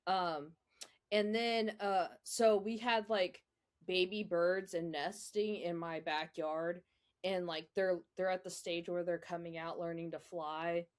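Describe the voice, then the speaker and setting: A woman's voice: on the low side, fairly even intonation, slow pace. Young woman podcast co-host, chatty storyteller, casual filler-heavy delivery. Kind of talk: casual chat.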